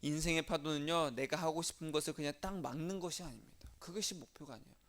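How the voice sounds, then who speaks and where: A Korean pastor preaching a sermon, asking the congregation questions and acting out complaining voices. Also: male voice, fast. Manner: swings between hushed low lines and raised emphatic ones.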